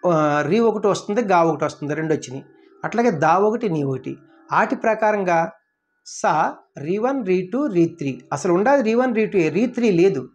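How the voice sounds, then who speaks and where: Male music teacher, high voice, explanatory, rattles off lists; dull lo-fi recording, faint music behind. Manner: explanatory, reciting lists of names in rapid sequence. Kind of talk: Carnatic music theory lesson.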